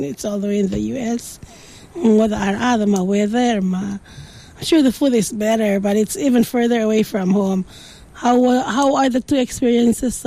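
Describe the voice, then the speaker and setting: A woman with a Palauan accent hosts a conversational interview. Her voice is soft-edged and dark at a medium pitch. She speaks haltingly, searching for words as she moves between two languages.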